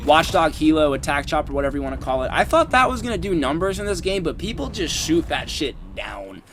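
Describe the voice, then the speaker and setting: A man's voice: a little high, big pitch swings, fairly quick, a bit bright, a little hiss or hum. A young man giving casual, rambling commentary over gameplay, swearing often and filling gaps with ums and likes. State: has the hiccups. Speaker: gaming YouTuber.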